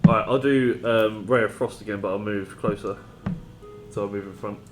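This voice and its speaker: Low-voiced man talking through game moves. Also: steady tone, moderate pace, music in the background. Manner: informal, thinking aloud about moves. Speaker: tabletop game player. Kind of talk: casual game-table chat. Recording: clearly noisy room, clicks.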